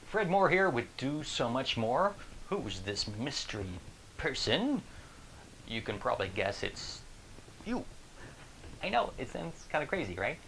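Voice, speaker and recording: A man in his forties, a motivational speaker, talking straight to the camera in an animated, joking way, recorded on a lapel mic in a small room. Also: mid-range voice, measured pace, creaky, pauses often, rough recording. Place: small indoor room with a screen behind.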